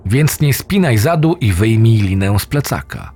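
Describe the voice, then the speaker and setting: A man's voice: fairly low pitch, sing-song, moderate pace, darkish tone, husky, exaggerated voice. A man voicing a pushy, foul-mouthed young man in a spoken horror story. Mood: insistent. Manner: swearing, pushy, sure of himself. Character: brash crude young man, bossy friend.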